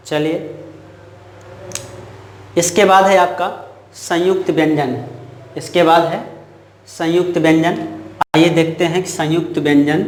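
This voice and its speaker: A male teacher with a fairly high voice leads a grammar lesson at an unhurried pace. He repeats sounds again and again and fires questions at the class before he answers them. The room around him is echoey. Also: a little mellow, a little hiss or hum. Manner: drills sounds aloud, asks questions and answers them himself.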